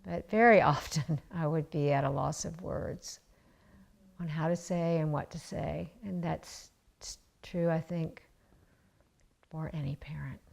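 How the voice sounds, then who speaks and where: Lowish gravelly woman, adoptive mom, reflective interview anecdote. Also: fairly even intonation, darkish tone. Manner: reflective, measured with pauses. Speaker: adoptive mother. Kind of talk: interview storytelling.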